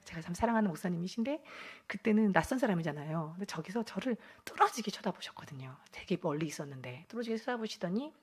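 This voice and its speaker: A woman gives her testimony at a church gathering in a slightly husky voice. Her pitch rises and falls freely as she tells the story. She laughs often and acts out the thoughts she once had. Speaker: testimony speaker.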